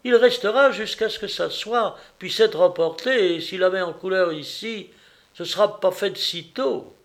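A man reading aloud, voicing a proud, sharp-tongued wife who curtly contradicts her husband. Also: mid-range voice, normal speed, pitched above the performer's own voice, lightly acted. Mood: scornful. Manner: curt, contradicting.

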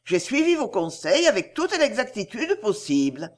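A woman reading an eager, lovestruck young woman, breathy and raised. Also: mid-range voice, sing-song, normal speed, close to an everyday voice.

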